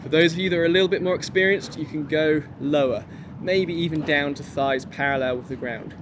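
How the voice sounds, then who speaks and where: A man with a fairly high voice leads a martial arts class as the instructor. He gives short, step-by-step commands and counts in an informal, encouraging manner. The recording has clear outdoor traffic noise behind him. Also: brisk. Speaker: kung fu instructor.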